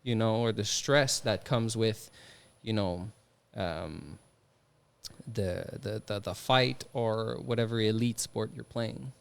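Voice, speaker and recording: A man's voice: fairly low pitch, slow pace, vocal fry, clean tone. A French Canadian man with a Quebec accent, a hockey player answering interview questions in a thoughtful way. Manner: thoughtful, many restarts and fillers.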